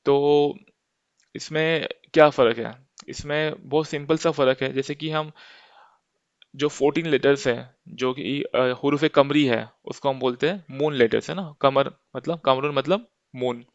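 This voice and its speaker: A man's voice: mid-range voice, unhurried, dry recording, dull audio. A man teaching an Arabic lesson step by step, patient and often checking in with his listeners.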